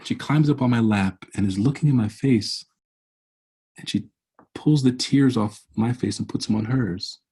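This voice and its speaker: A man's voice: medium pitch, moderate pace, dark tone, breathy edge. A man in his forties giving an earnest, preacher-like motivational keynote over a video call, often restarting his phrases. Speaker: keynote speaker.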